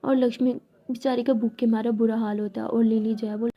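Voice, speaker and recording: A woman storyteller narrating a story in a soft, conversational way. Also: fairly high pitch, level tone, fairly quick, dull audio.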